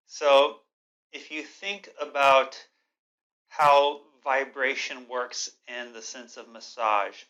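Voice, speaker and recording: A man giving an instructional yoga breathing lesson in a measured, explanatory, gently instructive way. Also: medium pitch, muffled recording.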